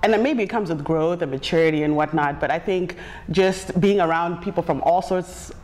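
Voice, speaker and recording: A woman's voice: on the low side, a little fast, darkish tone. A woman from Zimbabwe, co-hosting a casual talk show and laughing often. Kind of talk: casual chat. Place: bright living-room studio set.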